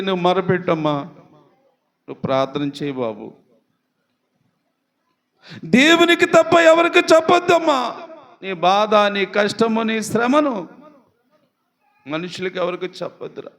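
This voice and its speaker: A man preaching a Sunday morning sermon with passion. He keeps asking the congregation questions and swings from shouts to low, quiet lines. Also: gravelly. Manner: impassioned preaching, rising to shouts and dropping low. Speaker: pastor.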